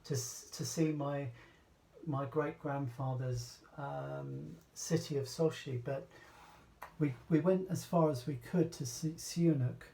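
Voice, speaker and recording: A man's voice: a little high, steady tone, unhurried, vocal fry, warm tone. A man from Britain giving a casual, rambling talk, full of hesitations and restarts. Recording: echoey room, voice from a distance.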